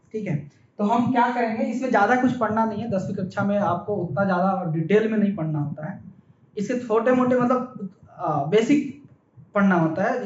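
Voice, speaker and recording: High-voiced man teaching in an echoey room. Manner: explains step by step, often checks with "ठीक है". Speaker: physics teacher. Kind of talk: classroom lecture. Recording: echoey, dull, faint background noise.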